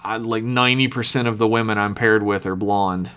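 A man's voice: on the low side, fairly even intonation, brisk, pushed and bright, clear, resonant tone. A man chatting casually as a podcast co-host, joking and swearing freely. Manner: profane, joking. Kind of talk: casual comedic chat.

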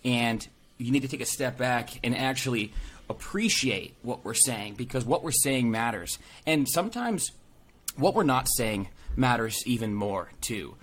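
A man's voice: medium pitch, expressive, a little slow. A man co-hosting a casual podcast, talking earnestly and rambling, often restarting his phrases. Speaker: podcast co-host.

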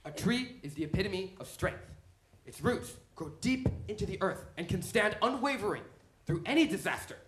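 A man's voice: high voice, animated, normal speed, fairly bright tone, slight background noise. Guy doing a strict preachy programmer dad, roomy stage sound, swings up and down. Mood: stern. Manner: stern, preaching. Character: strict devoted male head programmer, a father. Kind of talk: stage play acting.

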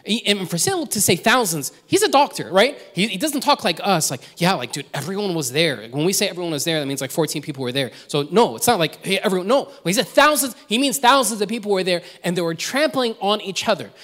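Animated preacher man in an echoey hall. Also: high voice, quick pace, hardly any pauses. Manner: animated storytelling, acts out quotes, many restarts. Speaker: pastor. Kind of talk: sermon.

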